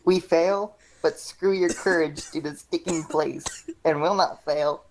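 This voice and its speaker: Low slow girl reading a scheming noble lady, flat halting amateur play read. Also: a little hiss or hum, rough recording. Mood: urging. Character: scheming noblewoman urging her husband on.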